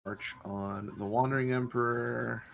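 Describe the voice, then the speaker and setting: A man co-hosting a podcast, trading quick quips and laughs during casual card game commentary. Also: mid-range voice, fairly even intonation, creaky.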